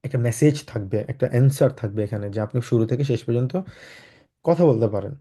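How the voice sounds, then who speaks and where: A man's voice: medium pitch, mellow. A man teaches a German class online, talking loosely with many fillers. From Bangladesh. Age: 20s. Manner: slow, clearly spaced model sentences. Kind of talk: online lecture to students.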